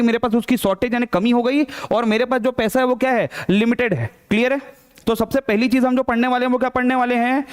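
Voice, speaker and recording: Man, economics teacher, Chhattisgarh Hindi accent, rapid delivery, high voice, asks and answers his own questions. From India. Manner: asks rhetorical questions and answers them himself; repeats key terms with "clear hai?" check-ins. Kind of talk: live online class lecture.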